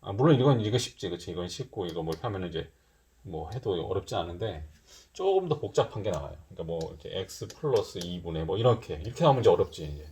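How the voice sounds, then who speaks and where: A man's voice: low voice, sing-song, fast, a little mellow. A middle-aged man teaching a middle school math lesson in a casual style, thinking aloud and mixing polite and casual speech. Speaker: math tutor.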